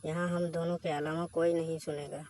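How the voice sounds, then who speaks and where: A man's voice: on the high side, level tone, moderate pace, darkish tone, a little hiss or hum, close to an everyday voice. A man voicing a bold, teasing young married woman in a read-aloud story, with a bossy manner.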